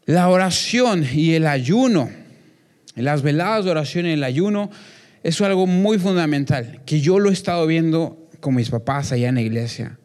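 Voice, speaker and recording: A man's voice: fairly high pitch, animated, normal speed, darkish tone. A young man preaching a sermon to a congregation, earnest and repetitive, often restarting his phrases. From Mexico. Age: young adult.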